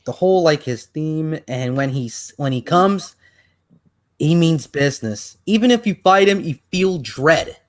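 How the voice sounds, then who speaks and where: A man's voice: a little high, lively intonation. A man hosting a casual online podcast, rambling and restarting his sentences with lots of "like". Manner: rambling, halting, heavy on "like" restarts. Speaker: podcast host.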